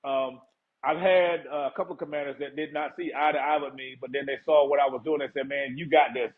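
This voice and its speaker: A laid-back man telling stories from his years as a first sergeant, his voice a little high for a man. He laughs easily and keeps calling the listener "man." The sound comes through a thin, tinny line like a phone call. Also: fairly even intonation, fast. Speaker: retired first sergeant, podcast guest. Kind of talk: casual interview talk.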